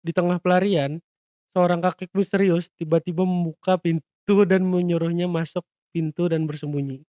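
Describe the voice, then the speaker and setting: Narrator: man, high voice, playful comic recap delivery. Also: moderate pace, dry recording, clean studio sound. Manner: lively, playful slang.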